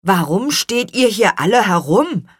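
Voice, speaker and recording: A woman voicing a lively young boy who exclaims eagerly in a storybook. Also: mid-range voice, a little slow, husky, no room sound, studio quality, voice pushed up. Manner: excited exclaiming.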